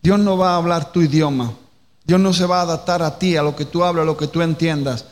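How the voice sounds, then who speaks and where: Preacher in a reverberant hall. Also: male voice, a little high, fairly even intonation, fairly quick. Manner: questions the congregation directly, repeats phrases. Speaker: pastor. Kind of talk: sermon. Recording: reverberant hall with faint noise.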